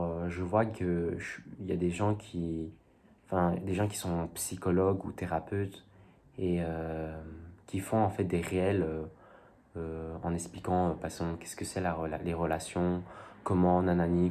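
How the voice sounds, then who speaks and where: A man's voice: deep voice, a little mellow, a little hiss or hum. A young man talking casually to his viewers, rambling and hesitant, full of fillers and youthful slang. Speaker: vlogger. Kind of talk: casual talk to camera.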